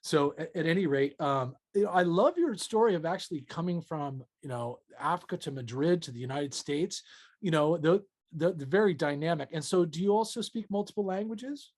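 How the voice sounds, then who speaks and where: A man's voice: fairly high pitch, fairly quick. Rambling enthusiastic male interviewer. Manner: rambling, enthusiastic, many fillers. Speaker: interview host. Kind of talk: casual interview questions.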